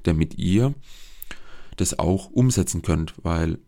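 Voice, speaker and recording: Low-pitched and dark in tone, this young man talks slowly but expressively as he hosts his own podcast. In his twenties, with a regional dialect, he is a social worker whose earnest monologue keeps hesitating and restarting as he searches for words.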